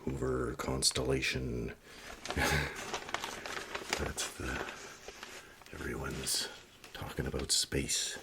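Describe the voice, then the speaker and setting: A middle-aged man doing soft-spoken ASMR, musing aloud in a near whisper with pauses, over crinkling paper. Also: very deep voice, vocal fry. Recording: steady noise, paper crinkling and clicks. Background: newspaper crinkling and page turning.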